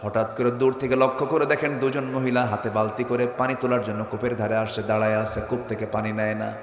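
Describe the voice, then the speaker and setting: Male preacher, sermon storytelling, loud-soft swings, echoey hall, long reverb. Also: steady tone, fast. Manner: swings between low murmurs and high shouted climaxes; acts out quoted lines of story figures. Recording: echoey hall sound system.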